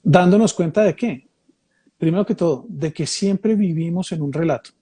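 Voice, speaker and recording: A man's voice: on the high side, normal speed, warm tone, slightly rough. A man, born in Mexico and raised in Colombia, thoughtfully explaining ideas in a conversation, often rephrasing and repeating phrases. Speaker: speaker leading a reflective conversation.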